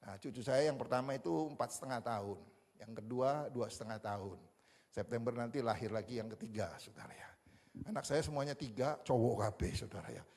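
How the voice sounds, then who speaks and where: Seorang pendeta pria yang lebih tua berkhotbah dengan gaya bercerita yang hidup, suaranya agak serak, dan ia terus menyapa jemaat sebagai "saudara". Sesekali ia menyelipkan kata-kata Jawa dan Inggris. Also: male voice, medium pitch, fairly quick. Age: older. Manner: animated storytelling, addresses the congregation as "saudara" constantly; mixes in Javanese and English words. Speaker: pastor. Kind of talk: sermon. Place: church hall. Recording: long church hall reverb.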